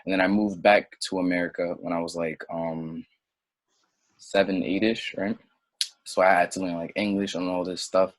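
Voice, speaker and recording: In a dry recording, a deep-voiced young man speaks at a moderate pace with a flat delivery. He grew up in Senegal speaking French natively, and as a guest in this casual interview he rambles, doubts himself, and veers into impassioned side-tracks.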